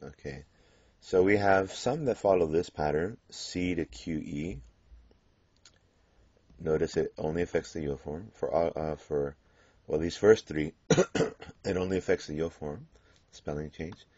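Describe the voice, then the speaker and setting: Deep, slow-talking man teaching Spanish grammar. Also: a little mellow, no room sound. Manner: explains patiently, with frequent fillers and restarts. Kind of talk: classroom grammar lecture. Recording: dull lo-fi classroom recording.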